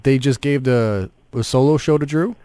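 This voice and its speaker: A man hosting a casual podcast, talking in a relaxed, easygoing way. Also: medium pitch, moderate pace, smooth, no echo. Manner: relaxed, easygoing, laughs along. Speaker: podcast host, radio producer. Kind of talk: casual chat.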